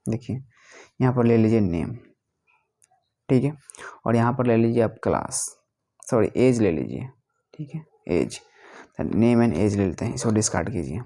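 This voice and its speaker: A man's voice: medium pitch, mellow. A male teacher explaining a lesson, repeating each question and answering it himself, often correcting himself mid-sentence.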